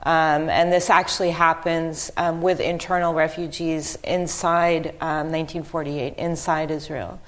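A woman from Lebanon speaks on a discussion panel in a notably low voice. She talks thoughtfully and haltingly, stopping to restart her sentences and filling pauses with ums. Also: level tone. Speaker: panel speaker, history professor.

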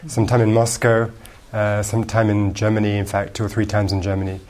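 A guest author from England, whose English accent carries a touch of American, answers interview questions fluently but with frequent ums and repeated words. His voice is on the low side and monotone, with a darkish tone, and he talks a little fast.

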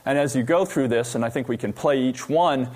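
Male researcher lecturing from the stage, mid pitch, explanatory, halting with fillers. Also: darkish tone. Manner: explanatory, pausing with frequent "uh" fillers. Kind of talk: academic lecture.

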